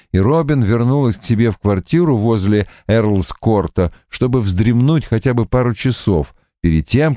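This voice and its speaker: A man reading an audiobook with expressive, measured scripted narration. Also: lowish voice, no room sound, clean studio sound.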